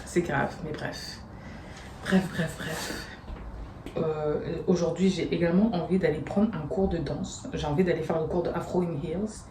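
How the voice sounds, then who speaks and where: A woman's voice: sits low, fairly even intonation, measured pace, background noise. A woman, chatting casually to camera about her day in a slangy, storytelling way. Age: late 20s. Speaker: vlogger and university student. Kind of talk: casual vlog talk to camera. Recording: roomy echo.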